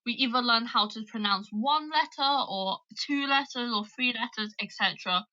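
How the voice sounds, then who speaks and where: A teenage girl with a British accent hosts a casual livestream chat. Her voice sits a little high and sounds bright and crisp. She talks in a chatty way and switches between languages. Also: normal speed, highs cut off. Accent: British English, Birmingham. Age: teens. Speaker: livestream host. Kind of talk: casual live video chat.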